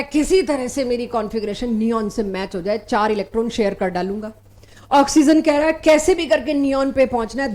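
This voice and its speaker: A woman teaching a chemistry class, her voice sitting a little high. She explains concepts step by step and gives short, firm commands to her students. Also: a little mellow. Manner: explains step by step, mixing Hindi and English terms. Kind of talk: recorded online lecture.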